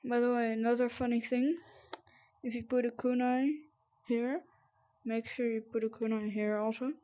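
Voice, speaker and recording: A gamer giving casual, sweary VR gameplay commentary in a halting, rambling way that repeats words, with audible heavy breathing. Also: medium pitch, level tone, warm tone, clean tone. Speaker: gamer presenting a VR game tutorial.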